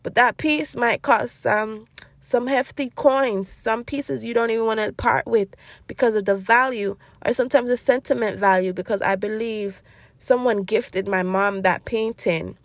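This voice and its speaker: A woman's voice: on the high side, fairly even intonation, unhurried, dry recording. A woman hosting a casual solo podcast, chatty and rambling, laughing often and stretching out her greetings. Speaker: podcast host.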